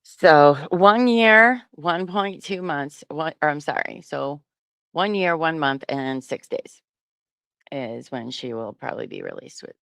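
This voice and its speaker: Low gravelly woman, casual chat. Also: lively intonation, measured pace, a bit bright, dry recording. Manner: conversational, thinking aloud with frequent fillers. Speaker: co-host.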